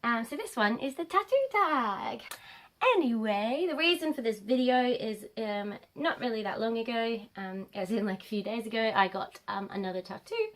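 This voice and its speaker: Late-20s woman vlogging, kinda stuffy nasal from being sick, slightly high voice, lots of ums. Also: a bit bright. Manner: rambling, many ums and pauses. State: nasal from a cold. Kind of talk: casual chat to camera.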